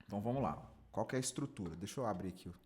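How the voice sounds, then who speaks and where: Animated male sales mentor. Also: lowish voice, very fast. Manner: animated, direct, demonstrates with lively intonation. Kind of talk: coaching a mentee on cold calls.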